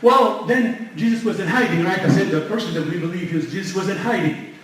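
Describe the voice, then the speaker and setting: A man's voice: high-pitched, fairly quick, a bit bright. A man giving a conversational religious lecture in a mosque hall, often searching for words. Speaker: mosque speaker. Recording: very echoey hall, far mic.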